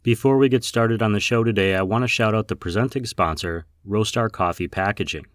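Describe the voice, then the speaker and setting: A man's voice: fairly low pitch, brisk, no room sound, studio quality. A man hosting a coffee podcast, reading a scripted, upbeat introduction and sponsor message. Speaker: podcast host.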